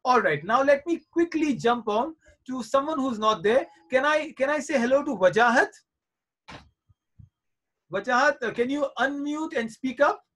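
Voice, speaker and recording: A man's voice: very high voice, lively intonation, moderate pace, a bit bright. A man in his forties teaching children in a live online class over a video call, reassuring and coaxing them and repeating his points. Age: 40s.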